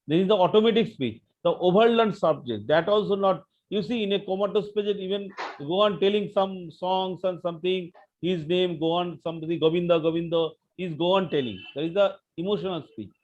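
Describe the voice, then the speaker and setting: A man chairs a medical case discussion over an online call, lecturing in a halting, repetitive way. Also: sits high, a little mellow. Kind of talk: medical teaching session. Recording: dull lo-fi online call audio.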